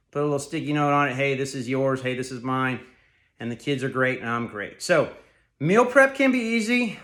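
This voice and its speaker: A slightly high-voiced man in his thirties talks through his meal prep in a home kitchen. He sounds a little out of breath from his workout. His delivery is easygoing and rambling, full of repeats and quick self-corrections. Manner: relaxed, repetitive, rambling with fillers and self-corrections. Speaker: fitness vlogger. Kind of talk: casual home cooking vlog.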